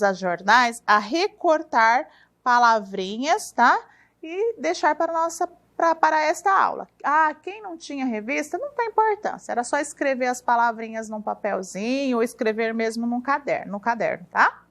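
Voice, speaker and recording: A woman with a Brazilian Portuguese accent teaching young children, speaking slowly and patiently, drawing out words and checking in with a questioning "tá?" after each point. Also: sits high, fairly bright tone. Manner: ends phrases with a questioning "tá?". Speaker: primary school teacher. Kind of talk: recorded classroom lesson for children.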